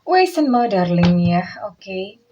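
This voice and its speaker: A woman giving a tarot reading who calls herself Bunda and calls the listener darling, guiding a relaxation exercise in a soft, coaxing way that repeats words. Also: mid-range voice, sing-song, takes it slowly, muffled recording, a little hiss or hum. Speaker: tarot reader.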